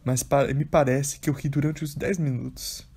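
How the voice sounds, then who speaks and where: Husky-voiced man reading a devotional book. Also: medium pitch, fairly even intonation, moderate pace, darkish tone. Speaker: audiobook reader.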